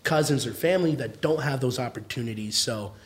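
A man from Mexico speaking as a podcast guest. His pitch sits in a middle range, and he talks calmly in short, thoughtful phrases. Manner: calm, reflective, speaks in short measured phrases. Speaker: restaurant founder, guest. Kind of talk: casual podcast interview.

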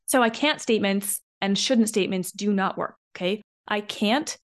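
A woman hosting a solo podcast as a coach, talking in a chatty, animated way and acting out short quoted lines. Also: mid-range voice, normal speed.

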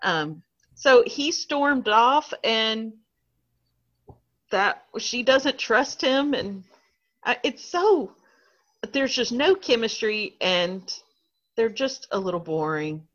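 A woman's voice: fairly high pitch, animated, takes it slowly, pauses often, a bit bright, dull audio. A woman co-hosting a casual chat, laughing often and poking fun at herself. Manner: chatty, laughs often, self-deprecating. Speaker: podcast co-host.

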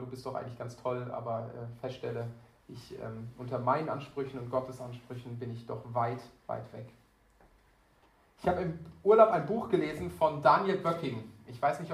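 Earnest man preaching in an echoey hall. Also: medium pitch. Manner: earnest, conversational, with frequent fillers. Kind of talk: sermon. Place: church hall.

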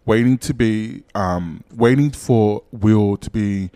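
A man's voice: lowish voice, takes it slowly, warm tone. A man, co-hosting a podcast in casual chat, gossiping animatedly and swearing a lot. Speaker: podcast co-host.

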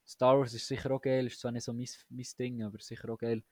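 A man's voice: mid-range voice, flat delivery, fast talker, dry recording, clean studio sound. A young man co-hosting a casual podcast chat, talking eagerly with slang and many restarts. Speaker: podcast co-host.

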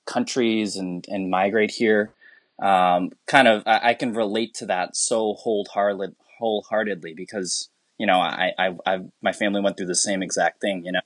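An American teacher appears as a guest in a relaxed, conversational interview, talking earnestly and rambling, often restarting his sentences. His fairly low voice moves at a normal speed, and the sound is dry and close with no echo.

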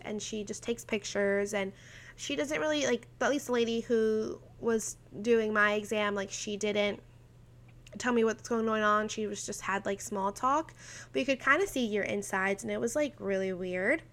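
A woman's voice: on the high side, a little slow, fairly bright tone. A woman in her twenties chatting through a personal story, filling her talk with "like" and quoted dialogue, emotional and laughing now and then. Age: 20s. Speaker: vlogger.

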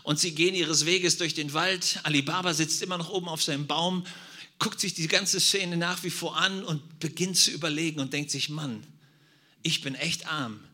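A man's voice: on the high side, fairly even intonation, normal speed, bright, forceful tone. A man preaching and praying, talking directly and conversationally to his congregation. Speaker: pastor. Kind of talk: sermon.

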